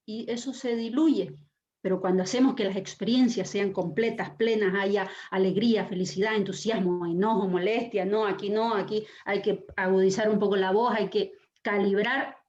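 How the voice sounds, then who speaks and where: A woman lecturer hosting an online class, speaking expressively and slowing down to stress her words. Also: mid-range voice, steady tone, darkish tone. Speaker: university lecturer and session host. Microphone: video call microphone. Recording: dull lo-fi video call audio.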